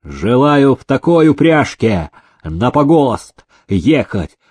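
A man voicing a domineering old factory owner who shouts slow, drawn-out threats. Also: mid-range voice, big pitch swings, no echo.

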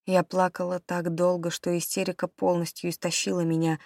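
A woman reading a novel aloud in the first person, as a steady audiobook narrator. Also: on the low side, a little fast, no echo, clean studio sound.

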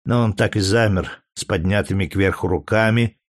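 A man reading a historical novel aloud as narrator with a steady, dramatic delivery. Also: deep voice, normal speed, dry recording, clean studio sound. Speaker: audiobook narrator. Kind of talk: scripted narration.

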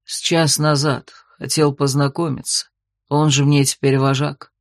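Devoted old werewolf man, woman reading, soft low slow voice, dry sound. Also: level tone, no echo. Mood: gentle. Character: grey-haired male werewolf, gentle and devoted.

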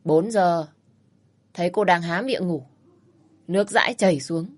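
Cocky crude young guy teasing, woman doing his voice, storybook, lowish voice. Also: unhurried. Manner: brusque, mocking.

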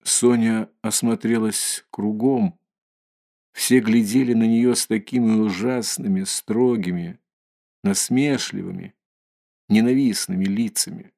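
Man, audiobook narration, gravelly voice, measured reading. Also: fairly low pitch, steady tone, mellow. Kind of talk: scripted narration.

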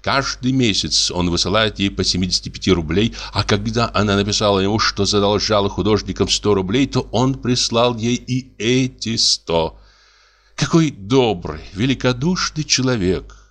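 Low-voiced male audiobook narrator. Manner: measured, expressive reading.

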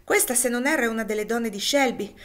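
A woman reading aloud who voices a desperate young mother, pleading in a higher, louder voice. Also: fast talker, natural voice. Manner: breathless, pleading.

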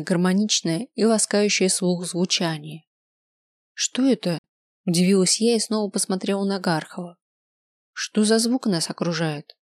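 A woman narrating a first-person novel in an expressive, lively storytelling manner. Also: medium pitch, no echo, clean studio sound. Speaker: audiobook narrator.

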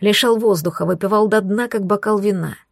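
A woman reading a first-person romance audiobook aloud in a steady, even storytelling manner. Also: medium pitch, a little fast, gravelly, dry recording, clean studio sound. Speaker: audiobook narrator. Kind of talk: first-person scripted narration.

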